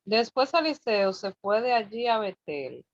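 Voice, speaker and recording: A woman reading a Bible passage aloud slowly and carefully during a video call. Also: on the high side, big pitch swings, very noisy. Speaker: congregant reading scripture. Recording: dull, dry video-call audio.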